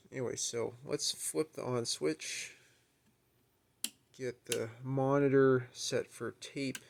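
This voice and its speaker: Indoors in a carpeted room at home, an amateur video maker demonstrates his gear, musing aloud with some hesitation in an off-the-cuff style. His voice sits at a medium pitch with vocal fry, and a faint hiss or hum runs underneath.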